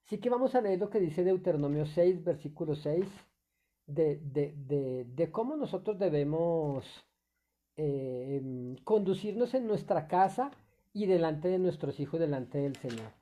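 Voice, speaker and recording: A man's voice: a little high, lively intonation, measured pace, dark tone. A male pastor preaching a sermon off the cuff, full of fillers, restarts and rhetorical questions.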